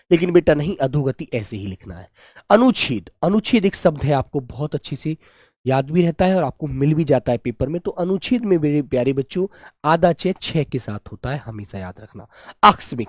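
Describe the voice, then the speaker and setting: A man teaching Hindi spelling for an exam. He addresses students fondly as dear children, his voice rising loud on each new word and dropping soft on each reminder. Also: on the high side, dry recording, clean studio sound. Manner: affectionate, repeatedly calls students "my dear children" and "beta". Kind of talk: exam-prep spelling lesson.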